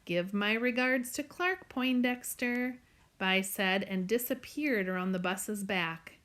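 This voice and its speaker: A woman's voice: on the high side, pushed and bright. Woman reading a novel aloud. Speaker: audiobook narrator. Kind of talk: first-person novel narration.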